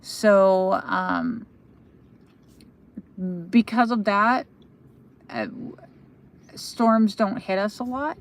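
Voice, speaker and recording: An American woman hosting a casual livestream outdoors, chatting in a halting way and trailing off as she goes. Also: medium pitch. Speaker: livestream host for a local magazine. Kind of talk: casual live commentary answering viewer comments. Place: outdoors at night by a lake.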